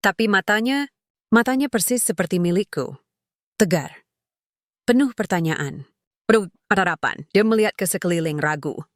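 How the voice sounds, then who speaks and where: A woman telling a first-person story in a measured, emotional storytelling manner. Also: mid-range voice, expressive, no room sound, studio quality. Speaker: narrator.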